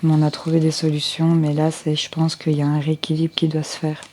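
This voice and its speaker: Low, flat-voiced woman reading tarot. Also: slight background noise. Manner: unhurried, hesitant, frequent fillers and restarts. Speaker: tarot card reader. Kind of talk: general tarot reading for viewers. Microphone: headset with a close mic.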